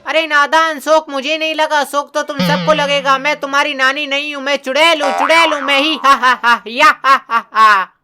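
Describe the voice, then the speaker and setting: A woman voicing a gleeful, menacing female witch in an animated cartoon, cackling and gloating over her threats to eat people. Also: high-pitched, brisk, few pauses, close to an everyday voice. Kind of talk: cartoon voice acting. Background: background music.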